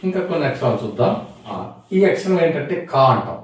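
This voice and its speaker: A man teaching how to write letters, repeating each sound slowly and patiently as he writes. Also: medium pitch, big pitch swings. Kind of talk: writing-board lesson on Tamil letters. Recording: echoey room, voice from far off the mic.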